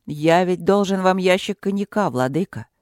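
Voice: medium pitch, moderate pace, darkish tone, no room sound, clean studio sound, lightly acted. A reader voicing a tense young duke who speaks wryly, in an audiobook. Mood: strained. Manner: tense, wry, muttering. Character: strained young male duke.

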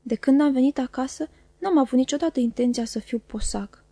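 A woman's voice: high voice, mellow, dry recording. A woman reading the part of an intimidated young boy who speaks in a flustered, apologetic way.

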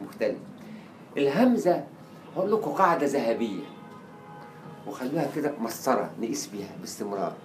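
A man with an Egyptian Arabic accent giving a lecture on Arabic writing. He is animated, acts out quoted dialogue and repeats words to drill pronunciation. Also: medium pitch, fairly quick, long pauses, music in the background. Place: lecture hall. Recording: echoey lecture room with faint hiss.

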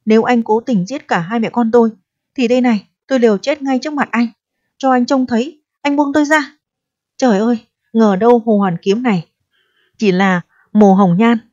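A woman with a dark tone reads a storybook part at a moderate pace, voicing a pregnant eighteen-year-old who is proud and distressed. Close to an everyday voice, she pleads and reproaches, turning shrill when upset, captured on dull, dry audio with no echo.

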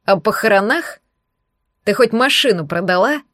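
A woman voicing a drunk, crude husband who slurs, shouts and sneers in an audiobook reading. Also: mid-range voice, lively intonation, moderate pace, very noisy, close to an everyday voice. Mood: drunk, abusive. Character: drunk crude bullying husband, adult man.

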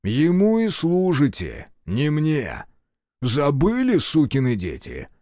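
A man voicing a stern commander who speaks slowly, firmly and with weight. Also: on the high side, wildly swooping pitch, warm tone, dry recording, studio quality, full character voice. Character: stern forceful commander of rangers, grown man. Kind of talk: audiobook character voice.

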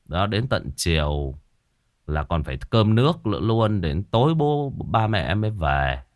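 Male host, very low voice, dry close sound; chatty reminiscing with repetitions. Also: a little slow, no room sound. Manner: chatty, animated when reminiscing, many repetitions. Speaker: ghost story podcast host. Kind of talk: casual reflective storytelling to listeners.

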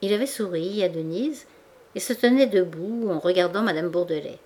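A woman narrating a classic novel as an audiobook reader, in a measured, expressive reading. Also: on the low side, breathy edge. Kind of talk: scripted narration.

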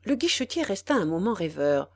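A woman reads a classic novel aloud in a steady, measured way. Her voice sits in a middle pitch, and the recording is dry and close. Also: dry recording. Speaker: audiobook reader. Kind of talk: audiobook narration.

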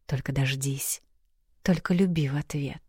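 A woman narrating an audiobook in the first person, telling the story in a measured, even way. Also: very deep voice, husky, dry recording, clean studio sound.

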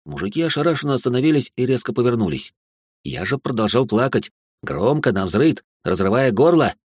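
A man narrating a story in the first person, tense and expressive, breaking into outbursts, close to the mic. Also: mid-range voice, brisk, breathy edge, dry recording.

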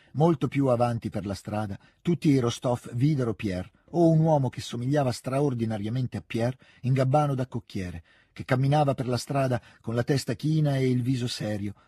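Very husky male novel narrator. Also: medium pitch, no room sound, clean studio sound. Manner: measured, expressive storytelling. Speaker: reader of a novel. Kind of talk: literary audiobook narration.

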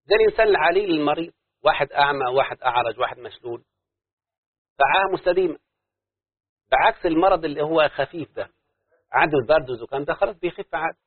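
In class, an Egyptian-accented man teaching Arabic prosody keeps checking whether his students are keeping up. He talks fast in a slightly rough, a little high voice with lively intonation and frequent pauses, with no room sound and a dry, narrow, phone-like lo-fi quality.

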